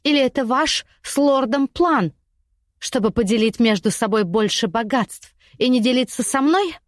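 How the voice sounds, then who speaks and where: Woman reading as a shrill mocking lady. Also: animated, moderate pace, no room sound, clean studio sound, natural voice. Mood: bitter, taunting. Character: scornful, desperate imprisoned aristocratic lady. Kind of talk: audiobook character voice.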